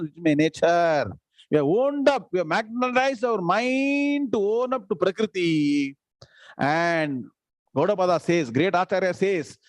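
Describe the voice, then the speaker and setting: A man's voice: high-pitched, no room sound. A man with a South Indian accent, a native Tamil speaker, giving a live scripture lecture as a spiritual teacher, repeating phrases and checking understanding with questions.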